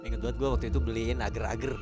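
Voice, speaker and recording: A man's voice: mid-range voice, little pitch movement, very fast. A man from Bukittinggi, a band member on a radio show, telling a story in an easygoing, slangy way. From Bukittinggi, West Sumatra. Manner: slangy, easygoing, chimes in often. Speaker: boy band member, guest. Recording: music bed under the voice.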